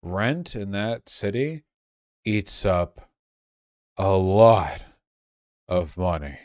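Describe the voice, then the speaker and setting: A man's voice: low voice, lively intonation, extremely slow, darkish tone, dry recording, clean studio sound. A very drunk man rambling on a casual livestream, crude, losing his thread and stumbling over repeated words. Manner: crude, swearing.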